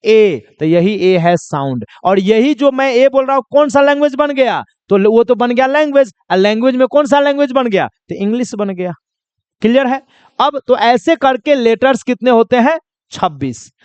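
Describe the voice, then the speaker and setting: Man, teacher from India, high voice, smooth and clear, dry close sound, asks and answers his own questions. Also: lively intonation, moderate pace, a little mellow, no room sound, lo-fi sound. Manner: repeats questions and answers them himself. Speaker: English teacher. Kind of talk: classroom lesson to children.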